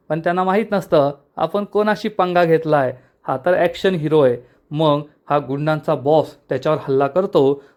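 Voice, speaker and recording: A man retells a serial's latest episode in a lively storytelling way. His voice is somewhat higher than most men's. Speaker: serial review narrator. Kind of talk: storytelling recap.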